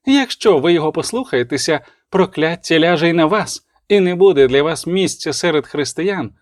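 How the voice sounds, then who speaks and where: A man's voice: on the high side, big pitch swings, moderate pace, a little mellow, no echo. A man voicing a proud, defiant abbess who speaks in a raised, indignant tone, in an audiobook reading.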